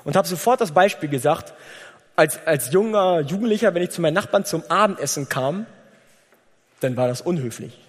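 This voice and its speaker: A male preacher with a high, animated voice that rises and falls a great deal. He preaches in a conversational way and acts out short exchanges as he speaks. The sound carries the long reverb of a church hall. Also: normal speed, husky. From Germany. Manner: lively, conversational preaching with acted-out dialogue. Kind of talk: sermon.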